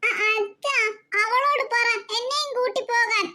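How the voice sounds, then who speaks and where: For a cartoon, a woman plays a timid little girl who is scared of escalators, whining and pleading in a frightened voice. The delivery is very high-pitched, sharp, measured in pace, and heavily acted.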